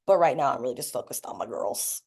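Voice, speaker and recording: Mellow young woman, casual and reflective. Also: rumbling low, animated, fast, slightly rough. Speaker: guest speaker sharing experience. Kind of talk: casual, reflective personal talk. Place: online video call.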